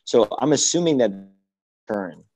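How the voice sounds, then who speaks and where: A man's voice: mid-range voice, animated, darkish tone, no room sound. A man presenting committee details in an online members' meeting, talking casually with restarts and fillers. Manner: halting, with many restarts and fillers.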